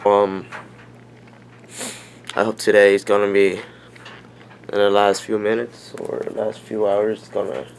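A man's voice: lowish voice, level tone, slow, vocal fry, pauses often, a little hiss or hum. A young man chatting casually to his camera, hesitant, with many fillers. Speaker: vlogger. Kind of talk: casual vlog chat. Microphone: handheld camera.

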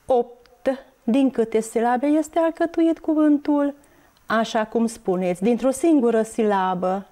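Woman teacher, fairly high voice, slow and clear, spells words aloud for young kids. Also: dark tone. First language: Hungarian. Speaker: primary school teacher. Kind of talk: televised classroom lesson.

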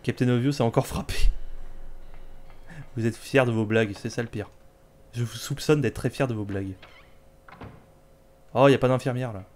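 A man's voice: mid-range voice, steady tone, normal speed, long pauses, darkish tone. Man, let's play host, casual game commentary, joking, sarcastic.

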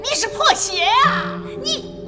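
A woman's voice: animated, takes it slowly, heavily acted. An actress playing a furious, scolding blind old mother in a period TV drama, with music behind. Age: older. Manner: shrill, scolding, wailing. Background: drama score music.

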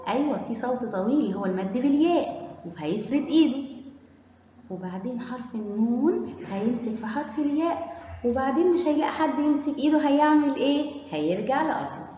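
Egyptian woman teacher for young kids, sing-song and drawn-out, mellow voice, dull echoey hall recording. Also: sits high, lively intonation, slight background noise. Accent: Egyptian Arabic. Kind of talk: children's letter lesson.

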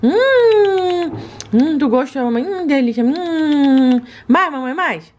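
A woman's voice: high voice, lively intonation, takes it slowly, a little mellow, highs cut off, voice pushed up. A woman voicing a greedy, talkative baby girl doll, in a toy play video. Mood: pleading. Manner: cheeky, pleading, talkative.

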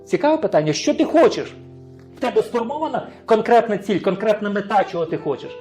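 A man's voice: sits high, expressive, quick pace, darkish tone, faint music behind. A man preaching a sermon, often asking his congregation rhetorical questions and tagging his sentences with a questioning "right?".

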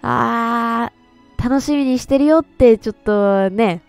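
A woman streamer doing loud, excitable let's play commentary into a close mic. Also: on the high side, takes it slowly, gravelly, smooth, no echo, faint music behind. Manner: excitable, loud, laughs often. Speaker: game streamer.

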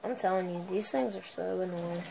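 A woman with a girlish voice giving excitable, trash-talking commentary while playing a shooter game. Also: lowish voice, fairly quick, vocal fry. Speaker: gameplay commentator. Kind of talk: casual gameplay commentary. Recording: noisy recording with steady hiss.

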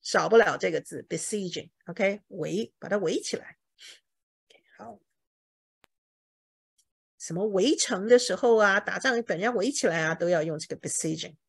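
A woman teaching an English lesson, patiently explaining with homely comparisons and slowly repeating words to drill their pronunciation. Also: medium pitch, creaky, husky, no echo. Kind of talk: language lesson.

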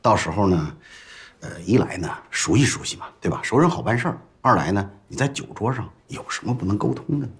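Slick exec, persuasive, very lively pitch. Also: male voice, a little fast. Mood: coaxing. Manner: persuasive, wheedling, folksy. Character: pushy, glib male executive, middle-aged. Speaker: company boss.

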